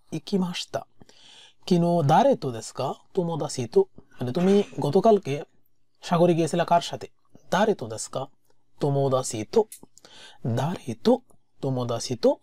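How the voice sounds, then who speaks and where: Deep-voiced woman teaching, slow and repetitive. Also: mellow, no echo, clean studio sound. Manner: slow, repeats each word, then explains it. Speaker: Japanese language teacher. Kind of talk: exam prep lesson.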